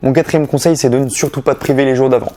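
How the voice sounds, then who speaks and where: A young Frenchman chats casually straight to the camera, handing out diet and training tips in a friendly, blunt way. His voice sits in an ordinary middle pitch. Faint music plays underneath. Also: steady tone, fast talker, darkish tone. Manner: chatty, direct, addresses viewer informally. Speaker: fitness youtuber.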